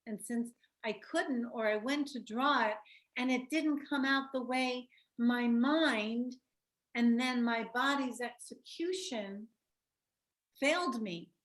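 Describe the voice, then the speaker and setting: A woman's voice: on the high side, takes it slowly. A woman presenting an online workshop on a video call, talking reflectively, telling stories and asking the group questions.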